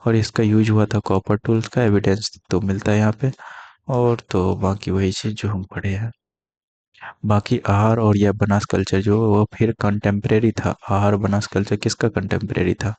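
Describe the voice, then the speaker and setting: Soft-spoken man teaching in a low murmur. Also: little pitch movement, normal speed, dull audio. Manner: speaking softly to avoid coughing; repeats key terms and mnemonics. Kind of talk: exam-prep lecture.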